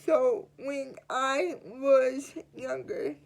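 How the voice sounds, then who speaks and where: A twenty-year-old woman vlogger telling a personal story in a halting, earnest way, often restarting her words. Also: high-pitched, fairly even intonation, creaky, low-quality recording. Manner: halting and earnest, with frequent restarts and trailing pauses. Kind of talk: personal confessional storytime vlog.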